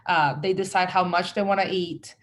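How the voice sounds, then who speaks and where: In a relaxed interview, a Salvadoran entrepreneur in her thirties describes her business, chatting with plenty of fillers and quoting herself along the way. She speaks at normal speed in a lowish, fairly bright voice with fairly even intonation.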